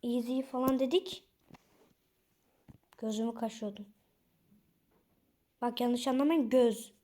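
Young girl gamer chatting while she plays, highish mellow voice, gets worked up a lot. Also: slow. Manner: chatty, excitable, outbursts of frustration. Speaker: gaming channel host. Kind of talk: casual game commentary.

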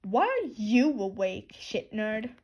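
A woman's voice: mid-range voice, sing-song, slow pace, darkish tone, husky, exaggerated voice. A woman reading the chat lines of a crude, hot-tempered teenage boy who swears a lot and snarls insults. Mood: snarling.

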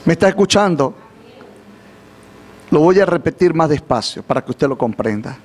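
A man's voice: fairly high pitch, expressive, moderate pace. A man preaching a sermon in Spanish, often asking the congregation to repeat after him and answer his questions. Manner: asks the congregation for call-and-response, repeats questions. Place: church or studio, livestreamed.

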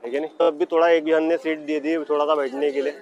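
Young male travel vlogger, high-ish excitable voice, handheld phone commentary with a heavy crowd behind. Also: fast talker, dull audio. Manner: excited, loud, chatty, addresses viewers as guys. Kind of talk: casual running commentary. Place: crowded general coach of a train and station platforms. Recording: crowded train noise behind. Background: chatter of a packed crowd.

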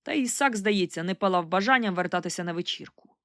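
Expressive woman narrating an audiobook. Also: mid-range voice, fast talker, dry recording, studio quality. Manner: expressive, lively storytelling. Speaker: audiobook reader. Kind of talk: first-person audiobook narration.

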